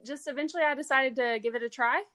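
A young woman in her twenties from East Texas, a college senior answering interview questions in a soft, halting way with many ums. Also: sits high, no echo. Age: 20s. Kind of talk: casual interview.

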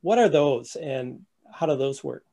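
A man's voice: medium pitch, animated, a little slow, mellow. A man hosting a podcast asks brief, curious questions of his guest. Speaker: podcast host. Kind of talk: interview questions.

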